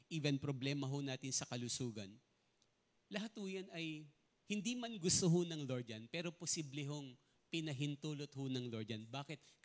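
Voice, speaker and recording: A man preaching a sermon as pastor, often mixing in English and asking the congregation if they follow. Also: on the high side. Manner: mixes in English, asks the congregation questions often.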